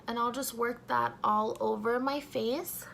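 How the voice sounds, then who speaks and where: A young woman doing a casual makeup review at home, talking softly and a little sleepily as she applies primer. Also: a little high, fairly even intonation, measured pace, gravelly, slight background noise. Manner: soft-spoken, just woken up. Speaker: beauty vlogger.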